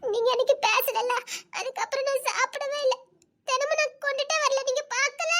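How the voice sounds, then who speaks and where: A woman's voice: very high voice, fairly even intonation, fairly quick, background noise. A woman with a Tirunelveli Tamil accent playing a heartbroken young woman who pleads tearfully, with nervous laughs. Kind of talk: romantic short-drama acting.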